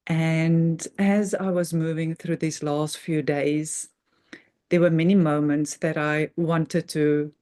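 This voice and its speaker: Speaking in a low, mellow voice, a woman hosts a guided meditation. Her unscripted spiritual talk is earnest and reverent, delivered in brief, halting phrases with measured pauses.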